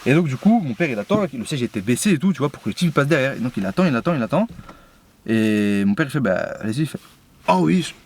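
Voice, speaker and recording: Fast-talking young man telling a story. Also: medium pitch, big pitch swings, darkish tone, breathy edge. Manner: slangy, indignant storytelling with many fillers. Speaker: YouTuber. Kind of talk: casual story time.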